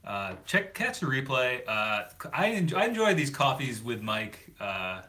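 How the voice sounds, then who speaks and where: A man's voice: medium pitch, big pitch swings, measured pace, bright, forceful tone. A man hosting a casual chat, easygoing and slangy, full of fillers. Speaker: host.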